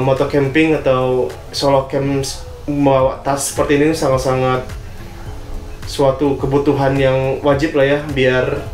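A young man casually reviewing a camping bag in a small gear-filled room, chatty with lots of fillers and tag questions. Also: mid-range voice. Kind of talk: casual product unboxing. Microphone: camera on tripod, seated. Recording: echoey room with faint music.

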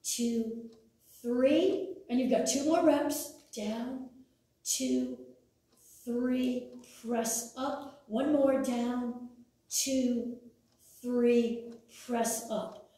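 A middle-aged woman speaks as an aerobics instructor, in a high, soft-edged mellow voice. She gives short, encouraging exercise cues and counts. The sound is distant, picked up across a very echoey studio. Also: very slow, long pauses. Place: large indoor exercise studio with hard floor. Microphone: far camera. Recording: roomy echo, distant camera mic.

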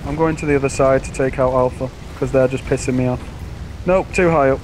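A man's voice: medium pitch, fairly even intonation, fairly quick, a little mellow, slight background noise. A man giving dry, bossy callouts as a gunner in an online game. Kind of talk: casual gaming chatter.

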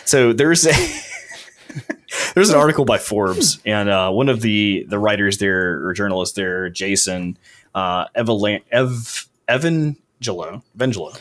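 A man hosting a casual gaming podcast, with a somewhat low voice. He rambles through the news, stacking fillers and restarting sentences as he goes. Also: measured pace, a bit bright. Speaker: podcast host.

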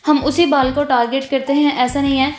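A woman's voice: high voice, flat delivery, a little fast, echoey room. A woman, giving a beauty tutorial voice-over in an instructive way, mixing in English words. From Pakistan. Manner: instructive, repeats "jo hai", mixes English words. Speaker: beautician teaching eyebrow threading.

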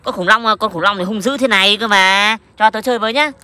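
A woman's voice: mid-range voice, fast. A woman playing with toy dinosaurs, chatting playfully and bossing the toy around. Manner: sulky then excited, playfully bossy toward a toy dinosaur. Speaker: young toy-show presenter. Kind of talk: playful toy play chat.

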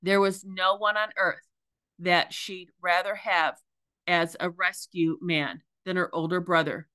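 Teacher lady reading a story slowly, bright voice, dry close sound. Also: fairly low pitch, fairly even intonation, smooth, no echo. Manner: careful, deliberate reading with small slips. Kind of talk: reading a novel aloud to a class.

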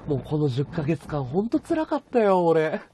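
A man's voice: fairly high pitch, sing-song, moderate pace, mellow, a little hiss or hum. A man hosting a casual livestream from his bedroom, chatting and thanking his viewers as he reads their comments. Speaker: livestream host. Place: bedroom at home.

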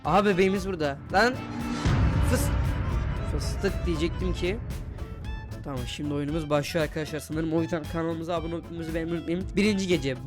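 Young man, let's play commentator, playful cursing, raised pitch, background music. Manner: jokey, swears casually, talks to the baby and viewers. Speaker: gaming YouTuber. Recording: music playing underneath.

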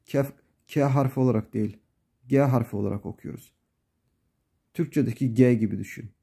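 A man teaching Quran letter pronunciation in a slow lesson, patiently repeating each letter sound several times. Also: medium pitch, vocal fry, warm tone, husky.

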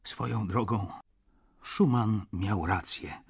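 A man reading an audiobook, narrating in the first person in a measured, reflective manner. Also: lowish voice, creaky, slightly rough. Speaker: audiobook reader.

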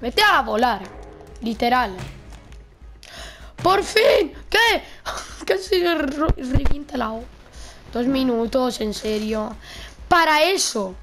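Excitable woman with a high voice. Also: slow pace. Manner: excitable, exclaiming and laughing at the game. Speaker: gaming YouTuber. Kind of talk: casual gameplay commentary.

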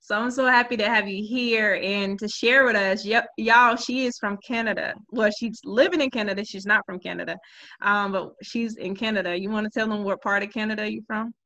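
A woman in her thirties hosting a podcast over a video call from a small home room, chatty and quick to laugh. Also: mid-range voice, fairly even intonation. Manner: warm, chatty, laughs often. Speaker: podcast host. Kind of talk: casual interview on a video call.

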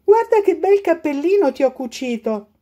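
A woman's voice: extremely high pitch, animated, moderate pace, dark tone, pitched above the performer's own voice. A woman voicing a doting grandmother who coaxes her granddaughter in a storybook. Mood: coaxing. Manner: coaxing, affectionate.

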